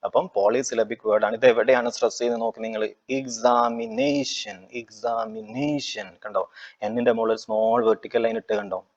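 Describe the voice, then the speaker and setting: A man teaching an exam-prep lecture, asking his students frequent tag questions and reading English lines slowly. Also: lowish voice, flat delivery, a little mellow, lo-fi sound.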